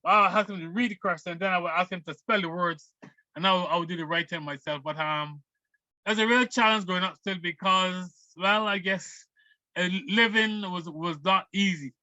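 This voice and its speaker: Middle-aged man from Barbados, halting interviewee, bright voice, dull lo-fi audio. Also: high-pitched, no echo. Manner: hesitant, halting with many restarts. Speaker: guest. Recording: dull lo-fi sound.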